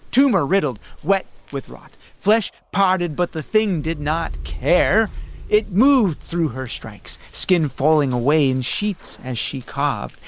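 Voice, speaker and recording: Man, dramatic horror-fantasy narration, intense, higher-pitched voice, dramatic pauses, faint background noise. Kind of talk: dramatic scripted first-person narration.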